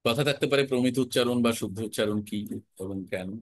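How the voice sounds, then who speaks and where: A recitation and voice teacher leads an online class on spoken-word art, explaining in a measured, emphatic manner with deliberate pauses. His voice is medium-pitched and there is no echo.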